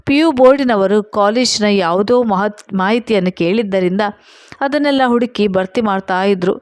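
A woman tells a first-person story in a steady, even storytelling voice. Her voice sits at a middle pitch. The recording is dry and close, with no room sound. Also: normal speed, dry recording. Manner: steady storytelling with quoted dialogue. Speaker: narrator.

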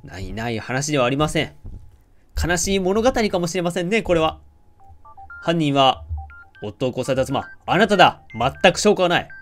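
Animated Kansai-accented game streamer. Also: male voice, a little high, normal speed, faint music behind. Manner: playful, animated, jokes with the game and often laughs. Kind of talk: let's-play commentary reading character lines.

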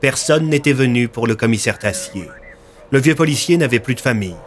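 A man's voice: mid-range voice, a little fast, a little hiss or hum. Man narrating an audio story. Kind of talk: scripted dramatic narration. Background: faint music.

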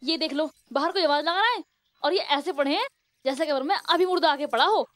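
A woman with a Haryanvi accent playing a sharp-tongued wife in a rustic comedy sketch. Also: sits high, fast.

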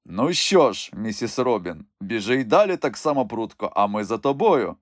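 A hulking, easygoing outlaw archer talks in a lively, amused storybook voice, as a male narrator puts him on. The sound is dry and close. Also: mid-range voice, moderate pace, dry recording, lightly acted. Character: big, good-humored male outlaw archer.

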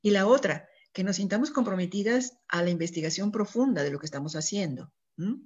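Earnest woman guest on a radio panel, husky voice, muffled lo-fi radio recording. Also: mid-range voice, a little fast, darkish tone. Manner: earnest, keeps checking in with listeners. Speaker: guest speaker.

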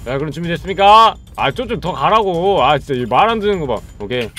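A man with a high, lively voice hosts a gaming stream, shouting and laughing at his friends. His tone is bright and sharp, and quiet music plays behind him. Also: quick pace. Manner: loud, excitable, yelling at friends. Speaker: streamer host.

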